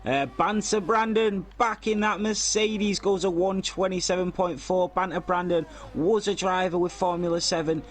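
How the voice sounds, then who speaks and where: A man's voice: high-pitched, steady tone, moderate pace, hardly any pauses. A man giving casual live commentary on an online racing league, reading out lap times and chatting with viewers. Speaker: race commentator.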